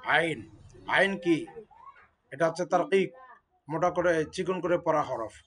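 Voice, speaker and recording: A woman teaching Quran reading, drilling a pupil through letter-by-letter call and response, with words drawn out slowly. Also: sits low. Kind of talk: spelling-out recitation lesson.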